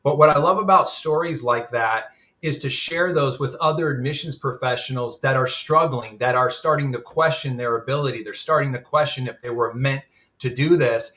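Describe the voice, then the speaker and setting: A man's voice: a little high, a bit bright. A man telling earnest stories as a guest in a casual webinar interview. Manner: earnest storytelling. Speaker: guest, admissions executive.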